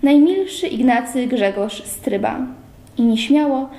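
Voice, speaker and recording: A woman reading a novel aloud at a steady pace in a library. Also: fairly high pitch, measured pace. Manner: steady literary narration. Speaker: reader. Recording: roomy echo.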